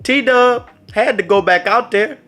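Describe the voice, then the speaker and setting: A very high-voiced man takes his time, slowly telling a dramatic sports story to the viewers of his storytime vlog. His delivery is animated and theatrical and aimed straight at the audience, with faint background music.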